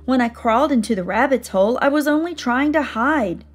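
A woman doing a high, pleading python. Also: lively intonation, a little fast. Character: frightened excitable male python.

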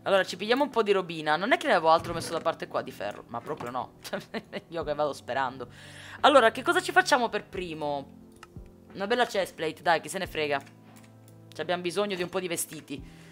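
A woman's voice: lowish voice, very animated, fast, a bit bright, faint music behind. A woman from Sicily chatting casually with viewers while streaming a game, answering their comments with jokes. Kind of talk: casual live gameplay chat.

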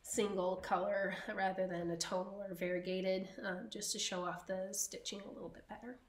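A woman co-hosting a podcast, chatting casually and slowly about her knitting with frequent ums. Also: mid-range voice, little pitch movement, roomy sound. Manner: slow, chatty, many ums. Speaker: podcast co-host.

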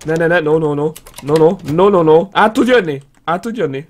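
A young man doing excitable let's play commentary as a gaming YouTuber, yelping, shrieking and laughing often. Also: fairly high pitch.

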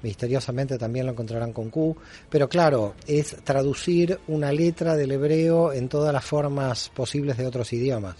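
A man explains things patiently as a radio guest, formal in manner and full of small fillers. His voice is mellow and dark. His pitch sits in the middle. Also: steady tone, moderate pace. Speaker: guest scholar. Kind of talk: explanatory interview answers.

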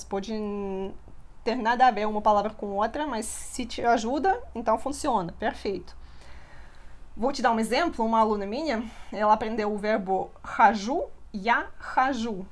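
A young woman, a native Russian speaker, teaching a live online language lesson in a lively way, often checking in with her listeners. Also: fairly high pitch.

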